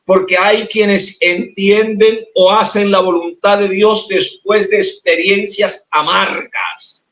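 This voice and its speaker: Male pastor, Colombian accent, high voice, emotional sermon, roomy distant church sound. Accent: Colombian Spanish. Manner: emotional testimony, swinging between soft and shouted.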